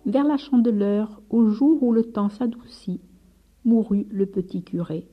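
A woman narrating a read-aloud story in measured tones, at times dropping to near whispers. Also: mid-range voice, highs cut off, faint music behind.

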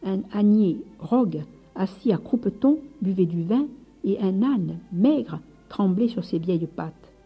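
A woman narrating a read-aloud story in measured tones, at times dropping to near whispers. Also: mid-range voice, expressive, breathy edge, muffled recording, soft background music.

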